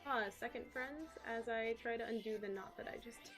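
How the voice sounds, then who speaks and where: A woman's voice: on the high side, fairly quick, over music. A woman streamer chatting casually as she works on a craft. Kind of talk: casual chat while crafting.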